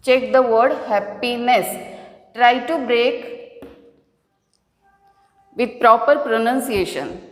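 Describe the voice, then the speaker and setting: A woman teaches grammar in a slow, patient, step-by-step way, often repeating her points. Her voice sits fairly high. The recording is roomy, with a long, ringing reverb. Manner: slow, repetitive, explaining step by step. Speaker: English teacher. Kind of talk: classroom grammar lesson. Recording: echoey room with long reverb.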